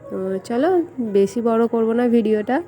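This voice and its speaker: A young woman talks through her home vlog in a hushed, casual way so she won't wake her son. Her voice sits a little high and stays fairly level. Music from nearby comes through clearly behind her. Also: fairly even intonation, normal speed. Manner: speaking softly so her sleeping son stays asleep. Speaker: vlogger. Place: at home indoors. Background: fair music playing nearby.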